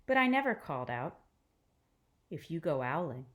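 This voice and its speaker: A woman with a low voice reads a picture book aloud to kids as their teacher. She's expressive, pauses deliberately, and lets each phrase end in a hush.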